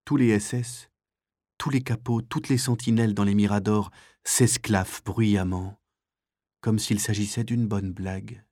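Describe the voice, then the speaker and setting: A man with a low voice reads a memoir audiobook, sober and measured. The sound is close and dry, with no room around it. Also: steady tone, dark tone, no echo. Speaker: narrator.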